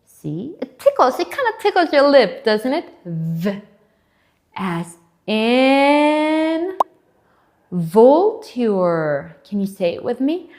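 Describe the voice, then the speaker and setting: A woman teaching English letter sounds to young children, sounding each one out slowly and with exaggeration, and inviting them to repeat after her. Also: high voice, sing-song, a little mellow. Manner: encouraging, asks children to repeat. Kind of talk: children's phonics lesson.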